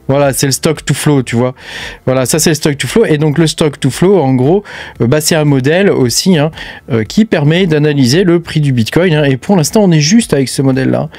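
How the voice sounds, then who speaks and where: This man's voice is medium in pitch and darkish, recorded without room sound. As a crypto channel host, he gives a casual screen-share walkthrough in a familiar, chatty manner. He peppers almost every phrase with hesitations such as "hein" and "euh."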